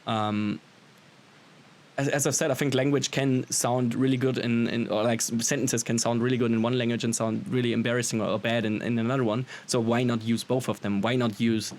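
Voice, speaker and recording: Brisk and flat in delivery, this man has a mid-range voice with a darkish tone. The Austrian-accented native German speaker is a musician being interviewed on a podcast, sounding casual and enthusiastic over noticeable background hiss.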